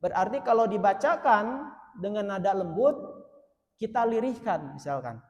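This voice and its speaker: A man with a fairly high voice gives a sermon in a mosque hall with a long reverb. He chants verses loudly, then drops into soft, playful explanations for the congregation. The hall gives his voice a roomy, echoing ring. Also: expressive, moderate pace, lo-fi sound. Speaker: preacher. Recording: echoey hall from a distance.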